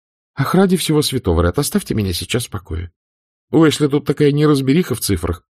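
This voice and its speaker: A high, raised voice of an impatient young Southern lady, put on by a man reading an audiobook. She scolds and snaps, exasperated. The recording is dry and close. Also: big pitch swings, quick pace, a little mellow, dry recording. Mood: dismissive. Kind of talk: audiobook character voice.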